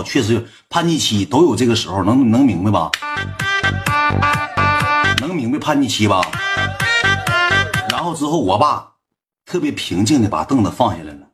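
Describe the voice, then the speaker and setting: A young man with a Northeast Chinese accent, telling a story to his viewers in a slangy, swearing, animated way with lots of repeated asides. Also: lowish voice. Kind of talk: storytelling to a livestream audience.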